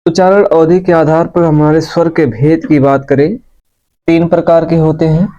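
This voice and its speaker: A man teaching a Hindi grammar class, explaining slowly and repeating key points for his students. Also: a little high, little pitch movement, mellow. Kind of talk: classroom lesson. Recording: dull lo-fi sound.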